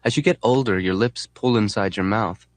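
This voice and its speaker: A man voicing a brash, sulky young woman in an audiobook reading, shouting and petulant. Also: lowish voice, normal speed, no room sound, close to an everyday voice. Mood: explaining.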